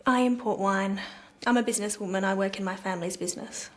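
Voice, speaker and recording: Woman as a young businesswoman, polite, short plain answers, mid pitch. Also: steady tone, quick pace, slight background noise, natural voice. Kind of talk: scripted radio drama for learners.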